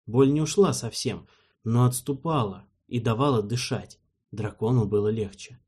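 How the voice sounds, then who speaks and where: A man narrating an audiobook in a measured, storytelling manner, with a husky voice. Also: mid-range voice, a little mellow.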